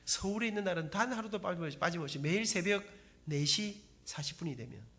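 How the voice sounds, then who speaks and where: A middle-aged man with a Gyeongsang Korean accent gives a faith testimony at church, telling it as animated, dramatic storytelling aimed at the congregation. His voice sits high and moves at a quick pace, with slight background noise.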